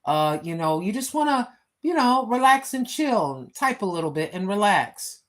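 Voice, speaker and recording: A woman from the United States in her sixties sits at home and chats casually on a live stream recorded on her phone. Her mid-range voice swings widely in pitch at a normal speed as she rambles with many fillers, talking straight to her viewers.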